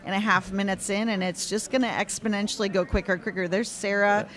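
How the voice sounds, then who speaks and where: A chatty woman co-hosting a live event broadcast from an indoor competition hall. She talks in a relaxed, conversational way at a middle pitch and laughs easily between observations. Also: quick pace. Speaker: co-host and commentator. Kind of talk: live event commentary, casual chat.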